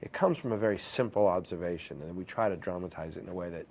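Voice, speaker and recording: A film producer answering interview questions in a relaxed, thoughtful, explanatory way. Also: male voice, low-pitched, fast.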